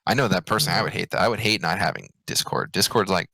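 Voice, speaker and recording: A man co-hosting a podcast in casual chat, animated, with sudden excited jumps in pitch. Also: fast talker, gravelly, no echo, poor audio. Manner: animated, loud outbursts, swings up in pitch when excited. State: hiccups. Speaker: podcast co-host.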